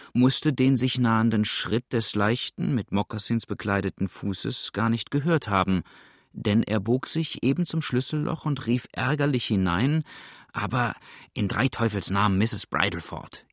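A man narrating a classic novel as an audiobook in an even, deliberate reading. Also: mid-range voice, no echo, studio quality.

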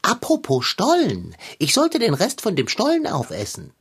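A woman voicing a greedy, grumpy male tomcat who complains theatrically and has a husky voice in a children's radio play. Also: mid-range voice, wildly swooping pitch, moderate pace, exaggerated voice. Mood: sulky.

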